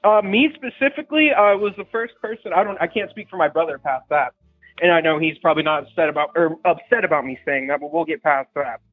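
A young man calls into a show and speaks with hesitation, often stammering. His voice sits a little high. He comes through a tinny phone line, with faint music in the background. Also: quick pace, no room sound. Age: young adult. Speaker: caller. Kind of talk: phone-in confession.

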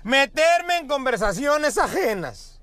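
A man playing a cheeky coastal wisecracker, pitched high and talking slowly. He delivers his jokes deadpan, like a comedy sketch character. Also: dry recording, heavily acted.

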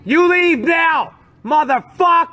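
A man furiously yelling and swearing at people on his street, recorded outdoors on a phone. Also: very high-pitched, animated, slow pace. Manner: furious, shouting commands. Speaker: angry neighbor in a played clip. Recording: loud outdoor noise, passing cars.

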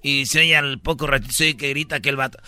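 A man's voice: medium pitch, fast talker, clean tone, dry recording, faint music behind. A man with a Mexican accent telling jokes on a comedy radio show, slangy and acting out characters. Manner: animated, slangy, acts out characters.

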